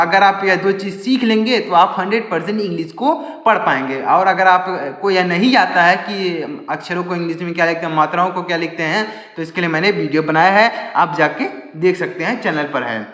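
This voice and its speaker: A man with a high, bright voice walks beginners through a lesson one step at a time. He keeps asking his viewers questions and then answers them himself. The recording rings with long reverb, as in a bare, echoey room. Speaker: English teacher.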